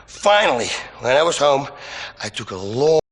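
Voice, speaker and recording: A man's voice: mid-range voice, big pitch swings, normal speed, fairly bright tone, big-room sound. A man voicing a crude, boastful character rambling through a violent bar story.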